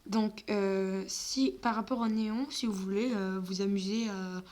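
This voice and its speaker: A woman's voice: mid-range voice, steady tone, a little slow, a little mellow. Woman stammering through game commentary. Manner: stammers often; hesitant, many fillers. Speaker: gaming video creator. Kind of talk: casual gameplay commentary.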